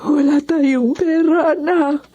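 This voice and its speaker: A woman's voice: high-pitched, fairly even intonation, slow pace, dark tone. An actress playing a grieving, sickly widowed mother who talks wearily and through tears in a radio horror drama. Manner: weary, tearful.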